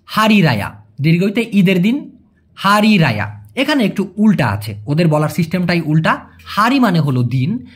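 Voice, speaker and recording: Husky, lively language teacher. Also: mid-range voice. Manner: explains patiently, repeats words slowly, acts out everyday examples. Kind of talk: spoken language lesson.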